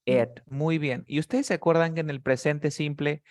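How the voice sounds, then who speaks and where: A man's voice: a little high, fairly even intonation, moderate pace, darkish tone, no echo, clean studio sound. Patient man teaching English. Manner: patient, drills words and asks students by name. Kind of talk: live online class teaching beginners.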